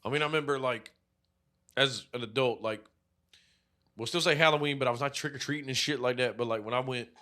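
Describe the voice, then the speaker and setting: A man's voice: medium pitch, quick pace, pauses often, bright, forceful tone. A man co-hosting a podcast, telling stories in a rambling, profane way, with lots of "like" fillers. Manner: rambling storyteller, heavy swearing, many "like" fillers. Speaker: podcast co-host. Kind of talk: casual profane chat.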